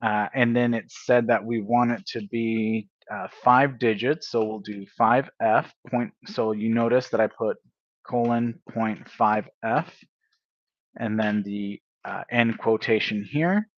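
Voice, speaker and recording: A man livestreaming a casual coding study session, thinking aloud, correcting himself and filling pauses as he works through examples. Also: lowish voice, fairly even intonation, dry recording, highs cut off. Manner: unhurried, thinks aloud, self-correcting with fillers.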